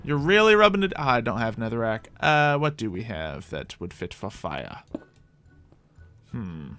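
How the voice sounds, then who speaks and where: A man hosts a casual Minecraft let's play, his mid-range, somewhat bright voice swinging widely in pitch as he speaks unhurriedly over soft music. He rambles through the game, playfully thinking aloud.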